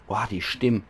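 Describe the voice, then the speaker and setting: A hoarse man with a Palatinate German accent, chatting enthusiastically as he comments on a video game. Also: fairly low pitch. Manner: chatty, enthusiastic, laughs often. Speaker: let's play host. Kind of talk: casual gaming commentary.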